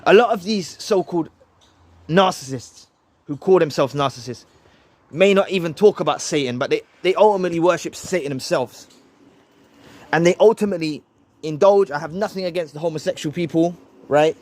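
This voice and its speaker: Guy ranting on his vlog, kinda high voice, preachy, keeps saying right?. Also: a little fast, a little mellow. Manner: preachy, repeats phrases, ends points with "right?". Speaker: vlogger responding to another video. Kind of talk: heated commentary monologue.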